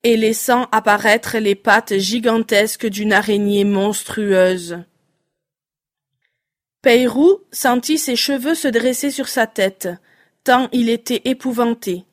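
A woman narrating a children's fairy tale in a slow, deliberate reading voice. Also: a little high. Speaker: storyteller.

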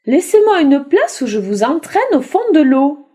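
A woman's voice: high voice, very animated, normal speed, mellow, voice pushed up. A woman voicing a threatening water spirit that wants to drag the others to the bottom of the water, in a storybook reading. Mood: menacing.

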